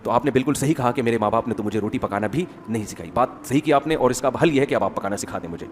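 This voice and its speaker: A sarcastic young wife talks back to her mother-in-law in a low, hushed voice, as a preacher puts her on. Her politeness is mocking and biting. The voice carries a long hall echo. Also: animated, slight background noise, natural voice. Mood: mock polite.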